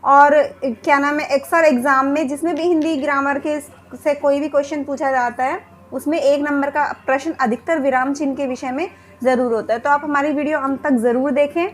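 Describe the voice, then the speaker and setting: A woman's voice: high-pitched, steady tone, normal speed, slight background noise. A woman teaching a Hindi grammar lesson for exam preparation, who poses questions and then answers them herself, often saying "ठीक है". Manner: repeats "ठीक है" as a filler.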